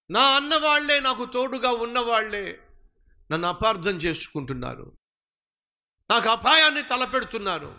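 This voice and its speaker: A man's voice: high voice, pushed and bright, pitched above the performer's own voice, exaggerated voice. A man voicing a grown man in anguish, pleading with God in repeated, rising cries.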